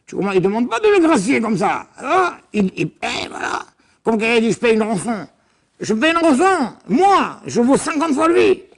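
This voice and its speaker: A middle-aged male rabbi giving a lively Torah class, questioning his students and acting out biblical dialogue. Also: extremely high pitch, moderate pace. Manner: animated, questioning the audience, acts out biblical dialogue.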